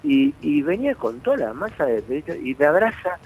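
Husky Argentine man telling stories. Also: fairly high pitch, fairly quick, narrow, tinny audio. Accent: Argentine Spanish. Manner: animated anecdotes, many restarts and repetitions. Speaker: former footballer guest. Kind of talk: radio storytelling.

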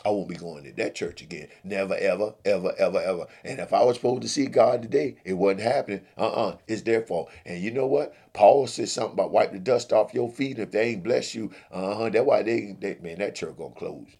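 A man's voice: lowish voice, lively intonation, a little fast, few pauses, warm tone, breathy edge. A man voicing a stubborn, hot-tempered grown man who keeps repeating himself defiantly.

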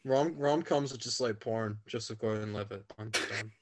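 A man co-hosting a podcast, riffing in deadpan mock-critic bits in casual comedic chat. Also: lowish voice, moderate pace, a crowd in the background. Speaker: podcast co-host.

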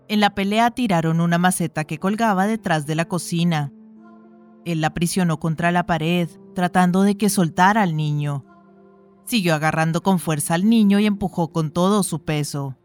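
Low-voiced woman reading a story aloud. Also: normal speed, faint music behind. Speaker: audiobook narrator. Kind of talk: scripted narration of a short story.

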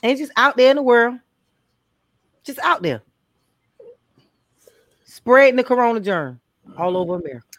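A man co-hosting a podcast, joking through lively banter. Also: very high voice, moderate pace, pauses often, no room sound. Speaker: podcast co-host. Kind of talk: casual chat.

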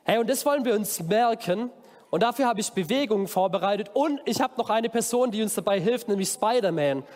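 An energetic man preaching to kids, his voice pitched high and animated. He calls out to the crowd and tells stories with gusto, and his voice rings with a long hall echo. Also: brisk. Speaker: children's camp preacher. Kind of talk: lively children's sermon.

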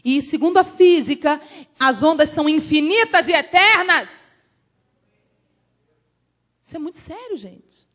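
A woman from Brazil, a missionary preaching a sermon in an animated, emphatic storytelling way. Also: high-pitched, a little slow, long pauses.

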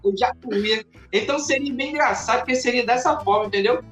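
A man, a podcast guest in casual chat, who tells his stories in an animated way and acts out the scenes. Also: very high-pitched, fast. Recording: roomy echoey room.

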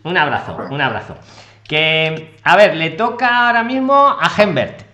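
A man with a Spain Spanish accent hosts a live Q&A and speaks brightly and with lots of pitch movement. He is friendly but brisk and keeps each caller on point. His voice has a roomy echo. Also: lively intonation, dull audio. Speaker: host of a live Q&A on immigration law.

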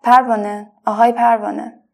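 A woman voicing a lonely, gentle artificial red flower in a children's story, speaking softly and wistfully. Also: a little high, flat delivery, creaky. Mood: coaxing. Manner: soft, wistful, quietly pleading.

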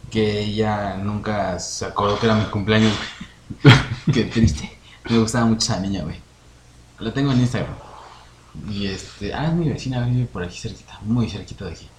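A young man with a Mexican Spanish accent, chatting casually as a podcast co-host, telling animated stories full of slang and acted-out quotes. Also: fairly low pitch, moderate pace. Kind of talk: casual chat. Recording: roomy echo, faint noise.

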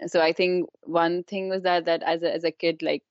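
A woman's voice: fairly low pitch, flat delivery, moderate pace. A young woman from Kashmir with a Kashmiri Indian accent, chatting informally as an interview guest and peppering her talk with "like" and "you know". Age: young adult. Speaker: interview guest, university student. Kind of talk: casual conversational interview. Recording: dull, roomy, echoey sound.

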